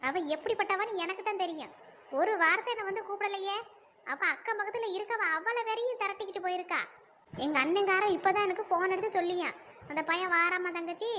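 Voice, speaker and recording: A woman's voice: very high-pitched, pushed and bright, slight background noise. A woman voicing a stern, scolding village mother in a cartoon who nags and threatens her daughter. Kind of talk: cartoon dub acting.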